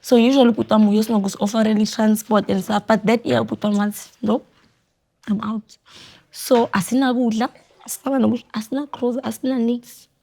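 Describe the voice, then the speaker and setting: A young woman with a South African accent telling a personal story as a podcast guest, quiet and reflective, switching between Zulu and English. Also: on the high side, steady tone, quick pace, gravelly. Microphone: studio podcast mic.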